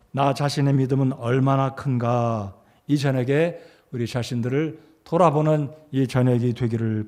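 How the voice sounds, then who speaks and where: A pastor preaching a sermon to a congregation, reading scripture aloud and acting out quoted lines with sudden rises in emphasis, then asking the listeners questions and leading them in repeating a verse. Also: male voice, medium pitch, darkish tone. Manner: reads scripture with acted emphasis, rising sharply for quoted commands. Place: church sanctuary. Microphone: handheld or stand mic.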